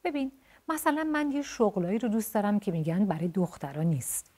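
A feisty little tomboy girl with a blunt, quick temper, put on by a woman reading a storybook. She speaks in a raised, mellow, slightly husky voice. She is chatty and lively. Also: medium pitch, lightly acted.

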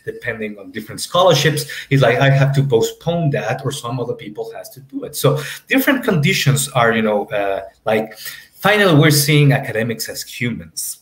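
With a medium-pitched, slightly bright voice and a sing-song delivery at a moderate pace, this man moderates an academic panel over video from his home. He's from Mexico, Spanish is his first language, and he meanders with heavy fillers, especially "you know." The call sound is roomy.

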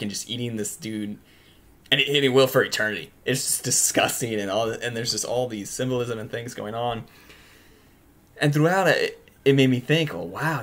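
Young man rambling about a book, lowish voice. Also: a bit bright. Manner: rambling, full of "like" and restarts. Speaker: book podcast host. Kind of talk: casual book talk.

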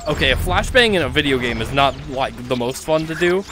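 Animated, excitable man streaming a game. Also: medium pitch, a little fast. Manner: excitable, exclaims in alarm and amazement; casual slangy talk, says dude and bro. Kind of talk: casual gameplay commentary. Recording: loud game music and gunfire behind. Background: game music, gunfire.

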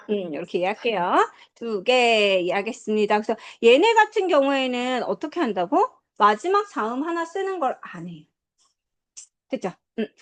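A woman teaching English to a class, drilling pronunciation and quizzing her students in a lively, coaxing way. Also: fairly high pitch. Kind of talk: classroom lesson.

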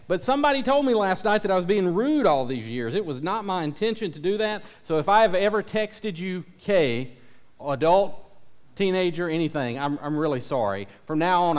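High, lively-voiced man preaching to youth. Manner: chatty and self-deprecating, joking with the audience. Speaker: youth pastor. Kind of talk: casual youth sermon.

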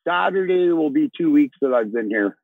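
A man in his sixties from Alberta talks from his truck cab over a video call, plain-spoken, rambling and restarting his sentences. The sound is dry and tinny, like a phone line, and his voice sits a bit high for a man. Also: expressive, moderate pace, no room sound. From Alberta, Canada. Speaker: trucker guest. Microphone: earbuds on a video call.

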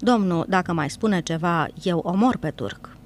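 A woman's voice: on the low side, slight background noise, natural voice. A woman voicing an angry young foreign boatman who speaks in broken grammar. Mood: furious. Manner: broken grammar, hot-tempered.

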